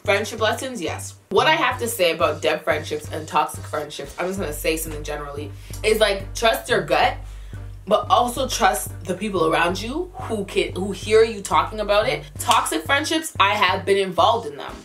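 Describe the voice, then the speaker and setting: A woman's voice: mid-range voice, lively intonation, normal speed, a bit bright. Casual, emphatic young woman over music. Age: young adult. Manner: emphatic, repeats phrases for stress; candid advice-giving. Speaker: vlogger answering viewer questions. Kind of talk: casual mukbang chat to camera.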